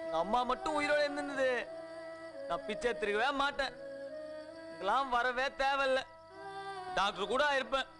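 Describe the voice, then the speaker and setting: An actor playing a drunk, grieving young gangster who rambles tearfully. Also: male voice, very high voice, moderate pace, pauses often, over music. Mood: drunk weepy. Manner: slurred, tearful rambling, laughing and crying by turns.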